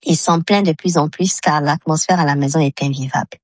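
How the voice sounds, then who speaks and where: A woman's voice: low-pitched, steady tone, a little fast, darkish tone, dry recording, clean studio sound. Woman with a voice-changer disguise. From Mali. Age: 30s. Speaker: caller to a health radio show. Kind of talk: recorded message read aloud.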